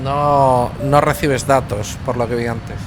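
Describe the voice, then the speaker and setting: A man's voice: fairly even intonation, normal speed. A man with a Spanish accent, a native Spanish speaker, giving flight simulator commands and casual asides as the pilot. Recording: loud engine rumble behind the voice.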